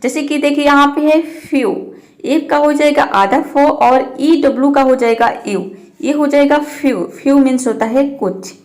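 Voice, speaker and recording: A woman with a high voice teaches pronunciation as a patient lesson. She spells out letters, then says each example word slowly, often twice, before explaining its meaning. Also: darkish tone. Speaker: English teacher. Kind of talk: Hindi-language pronunciation lesson.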